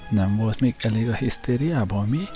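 Man doing a brutal guard, coarse, mocking, low-pitched, audiobook reading. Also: animated, over music, lightly acted. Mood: brutal taunts. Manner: coarse, taunting.

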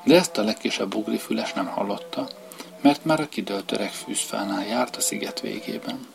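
A man reading a children's story aloud in an expressive, lively storybook manner. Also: on the low side, vocal fry. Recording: violin music playing behind.

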